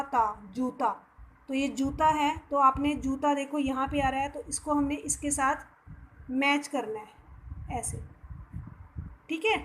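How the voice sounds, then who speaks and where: A woman's voice: sits high, slight background noise, rough recording. A woman teacher giving a patient phonics lesson to young children, sounding words out syllable by syllable and mixing in English words. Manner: mixes English words into Hindi.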